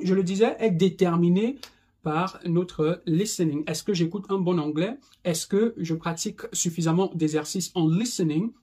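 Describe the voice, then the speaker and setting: A man with a fairly high, husky voice teaches a video lesson. He explains at length, often checking in with "n'est-ce pas" and slipping English terms into his sentences. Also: dark tone. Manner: mixes English terms into French.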